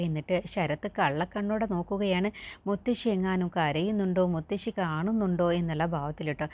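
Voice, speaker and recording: A woman casually retelling a TV serial episode in a chatty storyteller manner. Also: lowish voice. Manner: chatty, storyteller tone with friendly tag-ons. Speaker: serial recap narrator. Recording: tinny phone-like sound.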